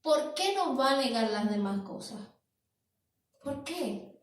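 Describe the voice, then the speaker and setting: High-voiced woman preaching slowly in an echoey church. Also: lively intonation. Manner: emphatic, repeats key words, rhetorical questions. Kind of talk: sermon. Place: church evening service. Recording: echoey church hall from far off.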